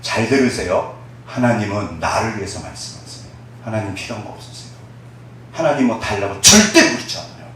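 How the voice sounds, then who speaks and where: Animated man preaching in an echoey hall. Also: lowish voice, a little fast, distant mic, a little hiss or hum. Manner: lively, conversational preaching with call-and-response questions; acts out quoted voices, dropping to a soft hush. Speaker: pastor. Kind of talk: sermon.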